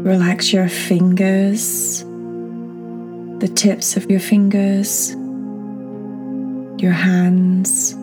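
A woman guiding a children's meditation as a podcast host, speaking in a soft, soothing, breathy manner. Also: medium pitch, monotone, drawn-out words, pauses often. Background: new-age music.

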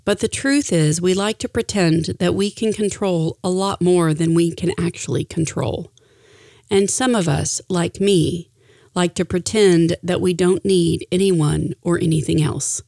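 Low-pitched woman, earnest and deliberate. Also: vocal fry, dark tone, no room sound, clean studio sound. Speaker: speaker sharing a personal reflection. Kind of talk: scripted personal reflection, read aloud.

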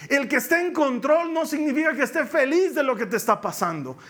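High-voiced man preaching with emphatic repetition. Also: lively intonation, a little fast, fairly bright tone. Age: adult with a young daughter. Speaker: pastor. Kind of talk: sermon. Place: church.

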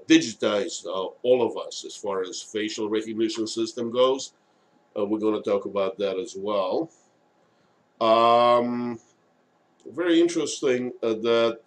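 Male live-stream commentator, lower-pitched and slow, off-the-cuff monologue broken by frequent hesitations. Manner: halting, frequent long hesitations and filled pauses. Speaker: live stream host, independent political commentator.

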